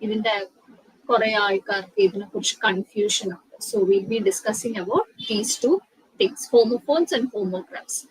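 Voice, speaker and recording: A young woman with a Malayali accent teaching an English lesson, spelling out words letter by letter and switching between careful English and quick Malayalam. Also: medium pitch, slightly rough, poor audio. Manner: slow, deliberate English explanations, mixed with rapid Malayalam. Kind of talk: online spoken-English lesson.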